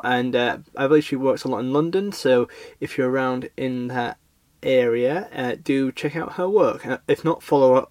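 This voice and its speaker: A man's voice: mid-range voice, no echo. A hungover, sleepy man hosting a podcast in casual chat, hesitant, rambling and self-deprecating. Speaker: podcast host.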